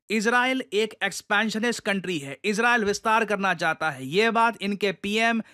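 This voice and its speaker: A man with an Indian accent gives emphatic, explanatory news commentary, speaking directly to listeners and mixing in English phrases. His voice is high-pitched, pushed and bright.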